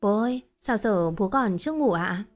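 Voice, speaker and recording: A woman voicing a dutiful pregnant young wife in a told story, soft and polite. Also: mid-range voice, animated, normal speed, faint music behind, close to an everyday voice. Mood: meek.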